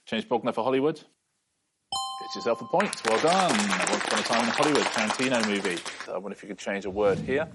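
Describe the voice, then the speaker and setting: A man hosting a quiz show, reading questions briskly and teasing the contestants in a dry way. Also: fairly low pitch, expressive, a loud crowd, heavy background noise.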